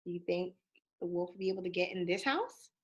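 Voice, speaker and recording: Here a woman with a lowish, slightly rough voice gives an animated read-aloud of a children's storybook. She speaks straight to her audience with dramatic flair and pauses to pose questions, though the audio is dull.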